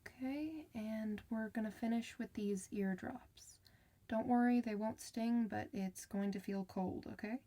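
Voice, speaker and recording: In an ASMR medical roleplay, a woman plays a gentle, reassuring clinician. Her fairly high voice is soft, soothing and a little slow, sometimes drifting toward a whisper.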